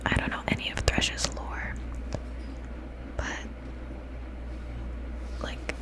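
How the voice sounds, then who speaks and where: A young woman speaks entirely in a whisper, her s sounds coming out with a whistle. She streams game commentary in an ASMR style, rambling casually and often putting herself down. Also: takes it slowly. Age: young adult. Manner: casual, rambling, self-deprecating.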